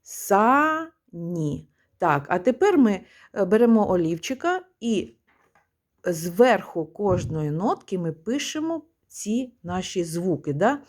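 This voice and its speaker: A woman music teacher giving a one-on-one lesson, patiently prompting her pupil and chanting rhythms slowly. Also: mid-range voice, very animated.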